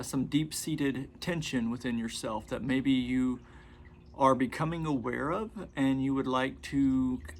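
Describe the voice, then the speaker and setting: A man in his forties, a massage and meditation instructor, casually introducing a guided relaxation session in a rambling, conversational way with frequent pauses. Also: medium pitch, a little hiss or hum. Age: 40s. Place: room with a padded floor mat.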